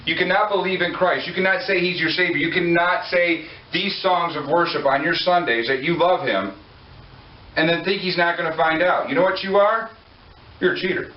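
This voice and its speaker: A man with a slightly high voice preaches a conversational sermon to his congregation, joking and quizzing his listeners. The audio is dull and lo-fi, with a little hiss or hum. He's far from the mic in an echoey room.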